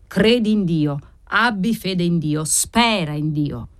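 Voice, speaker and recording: A woman's voice: fairly low pitch, animated, normal speed, warm tone. A woman reader voicing a solemn old Neapolitan woman sorceress who speaks in grave, incantatory tones. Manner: solemn, incantatory, preaching faith in God.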